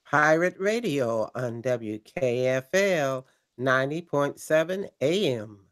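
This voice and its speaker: In an audio drama, a man plays an earnest pirate radio host broadcasting late at night, with a measured, showmanlike delivery. His mid-range voice has lively intonation and a fairly bright tone.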